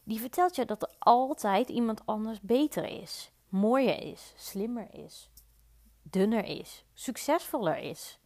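Dutch woman podcast host, candid, direct coaching monologue, slight vocal fry. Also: a little high, expressive, unhurried, darkish tone. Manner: earnest, direct, addresses listener.

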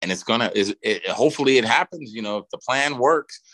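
A man's voice: medium pitch, animated, a little fast, a bit bright. A middle-aged man talking as a podcast guest in casual chat, rambling with lots of fillers and restarts. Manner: rambling, drawling talk with frequent fillers and restarts.

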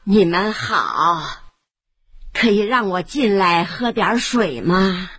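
A woman voicing a kindly old grandmother who speaks slowly and gently in a children's story. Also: medium pitch, animated, breathy edge, pitched below the performer's own voice, full character voice. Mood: gentle. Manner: slow, gentle and soothing.

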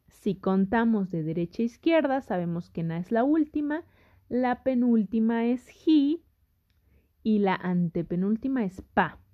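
A woman teacher giving a grammar lesson, patient and speaking straight to her students. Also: fairly high pitch. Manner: slow, patient, addresses students directly. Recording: dull lo-fi audio.

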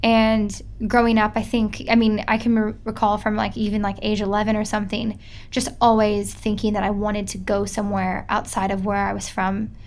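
A woman's voice: mid-range voice, completely flat delivery, moderate pace. A young woman, chatting casually as an interview guest and filling her talk with "like". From Midwest United States. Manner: chatty, lots of filler "like".

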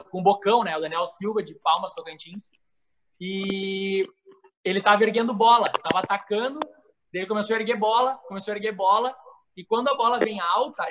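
A man guest telling lively anecdotes in casual chat, repeating key phrases for effect. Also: high voice, noisy background. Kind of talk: casual storytelling.

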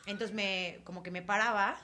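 A woman's voice: mid-range voice, normal speed, a crowd in the background. A young adult woman with a Mexican accent, co-hosting a casual podcast and acting out voices as she tells stories. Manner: animated storyteller, acts out quoted voices. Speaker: podcast co-host.

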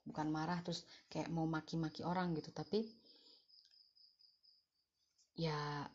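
A woman casually explaining song lyrics, reading lines out slowly and then talking them through with lots of fillers. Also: low-pitched, little pitch movement, darkish tone, slight background noise. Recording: dull lo-fi recording.

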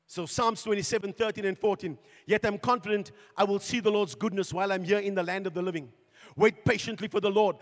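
A pastor preaches with mounting fervor, stretching out key lines slowly. His voice sits high for a man. The sound rings with a long reverb, with soft music underneath. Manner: preaching with rising fervor and slow emphatic points. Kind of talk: sermon.

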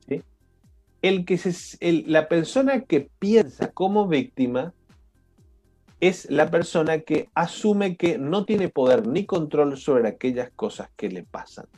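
A man with an Argentine accent teaching a live online coaching class, often asking the group questions. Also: on the high side. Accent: Argentine Spanish. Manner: lively, questioning the class, frequent "¿no?" and "¿sí?". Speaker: coaching instructor. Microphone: video call.

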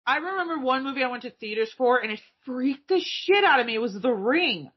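A woman in casual chat, telling animated stories and swearing freely. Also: high voice, a little fast, slightly rough. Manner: profane, animated storyteller. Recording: dull lo-fi audio.

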